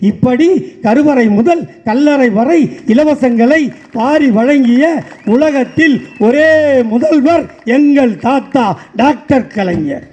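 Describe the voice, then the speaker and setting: A man giving a political stage speech, repeating sarcastic rhythmic refrains that rise into shouts. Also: very high voice, slow pace. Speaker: political party speaker.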